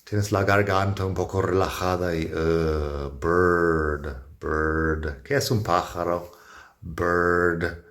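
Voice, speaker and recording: Slow, low-voiced man teaching pronunciation. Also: steady tone, fairly bright tone. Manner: repeats words slowly, switches to clear modelled English. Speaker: English teacher. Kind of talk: pronunciation lesson.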